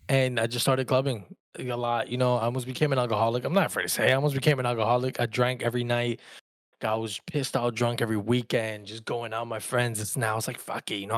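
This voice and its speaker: A man in his early twenties, born in Argentina and raised in Louisiana, USA, co-hosts a podcast and creates content. He chats casually, telling personal stories in slangy, sweary language with a medium-pitched voice. The sound is clean studio audio with no echo.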